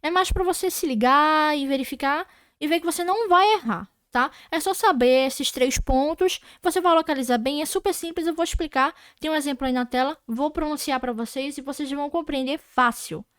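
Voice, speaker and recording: A Brazilian woman teaching an online Portuguese grammar lesson, patiently repeating words slowly and checking that students follow. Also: high voice, fairly bright tone, dry recording, studio quality.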